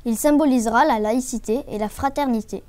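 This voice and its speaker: High-voiced woman news presenter. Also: a little fast, warm tone.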